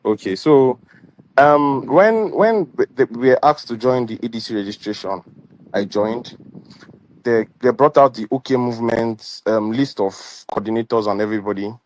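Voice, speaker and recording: A man's voice: mid-range voice, moderate pace. A man speaking with a dental retainer, rambling and restarting as he talks in an online meeting. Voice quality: slightly muffled speech from a dental retainer. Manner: rambling, repeats words and restarts. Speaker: caller. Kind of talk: casual online meeting talk.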